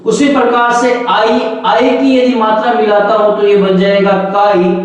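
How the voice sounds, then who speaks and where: Guy teaching slow with a really high voice, keeps asking and answering himself, super echoey room. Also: little pitch movement. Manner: repetitive, asks questions then answers them. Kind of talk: Hindi grammar lesson. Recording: very echoey room, mic far off.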